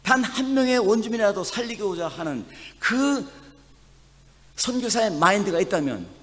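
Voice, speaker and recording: A pastor from Chungcheong gives a sermon in a high, lively voice that leaps up and down. He drops to near-murmurs and then rises to forceful, emphatic passages. Long reverb from the church hall trails behind every phrase. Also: moderate pace. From Chungcheong, South Korea. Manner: swings from soft asides to loud emphatic preaching. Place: church sanctuary.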